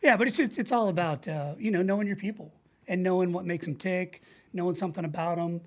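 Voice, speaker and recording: A middle-aged American man, a leadership coach appearing as a podcast guest, talks quickly in a high-sitting voice. The interview is casual and conversational, and he sounds earnest and informal, often making his points with examples.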